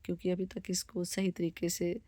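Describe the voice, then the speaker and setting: A woman teaching vowels, reading words out slowly one by one as a teacher. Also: fairly low pitch, flat delivery, dark tone, dry recording. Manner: slow, deliberate word-by-word reading. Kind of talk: slow spoken Hindi alphabet lesson.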